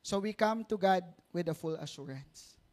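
A Filipino man delivers a sermon in a mix of Tagalog and English. His voice sits a little high for a man. He talks conversationally, using rhetorical tag questions to seek agreement. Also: moderate pace, darkish tone. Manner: switches between Tagalog and English. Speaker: preacher.

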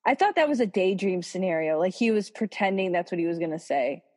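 Podcast lady cussing a lot, retelling stuff animated, reverby room. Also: on the low side, fairly quick. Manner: swears freely, animated retelling with quoted voices. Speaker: podcast co-host. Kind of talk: casual chat.

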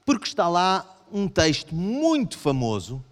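A male preacher with a European Portuguese accent delivers a sermon, his pitch swinging widely as he voices imagined objections from the pews. His voice sits a little high for a man. The sound carries a long reverb from a large church hall. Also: a little slow. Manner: animated, acts out voices of the congregation in raised pitch.

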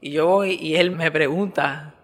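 A young comedian hosts his podcast from home, telling stories in a lively, loose way and tossing English words into the mix. His voice sits a bit on the high side for a man. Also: measured pace. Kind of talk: casual comedic podcast chat. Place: his apartment.

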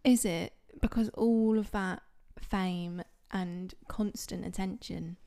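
Mellow-voiced woman co-hosting a podcast. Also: medium pitch, fairly even intonation, takes it slowly, gravelly. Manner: warm reactions, reads out contact details. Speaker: podcast co-host. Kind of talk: casual podcast chat. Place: guests' home.

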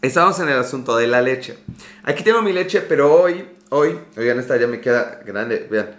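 A man's voice: mid-range voice, lively intonation, moderate pace, a bit bright. A man with a Mexican accent hosting a casual livestream, chatty and joking, with a slightly sore throat. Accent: Mexican Spanish. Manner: chatty, greets viewers by name, jokes and digresses. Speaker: livestream host. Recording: echoey room.

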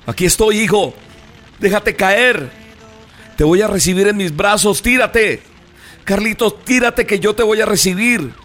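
A man voicing a desperate father who shouts and pleads with his trapped son to jump into his arms. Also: sits high, measured pace, faint music behind, pitched above the performer's own voice. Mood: urgent pleading.

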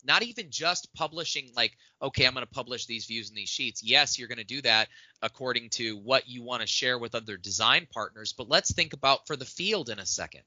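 A man co-hosting a podcast, talking in an excitable, loose and casual way about design workflows. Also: mid-range voice, brisk, dry recording, highs cut off. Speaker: podcast co-host. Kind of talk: casual tech chat. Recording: dry close-mic sound.

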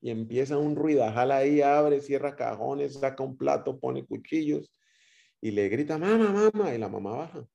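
A male preacher with a Guatemalan accent delivers a sermon in a mellow, warm voice. He often switches from loud, stressed phrases to soft, dropped endings as he tells stories. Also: mid-range voice, normal speed, creaky, lo-fi sound. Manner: storytelling with rising and dropping loudness.

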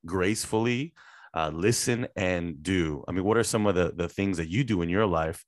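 A man speaking casually into a microphone from his son's room at home, halting and repeating words as he forms his question. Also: sits low, no room sound, studio quality. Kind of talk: casual chat.

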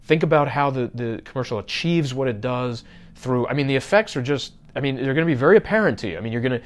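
A man's voice: medium pitch, lively intonation, fast talker. A man hosts a podcast in a loose, conversational way. He speaks straight to his listeners, breaks off and restarts his sentences, and fills the gaps with "uh" and "you know.". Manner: conversational, many fillers and restarts, addresses listeners directly. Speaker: podcast host. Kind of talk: casual marketing talk.

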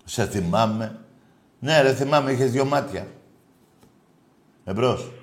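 Blunt, crude radio host. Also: male voice. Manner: swings from low grumbling to loud ranting. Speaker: radio call-in show host. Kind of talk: call-in radio talk.

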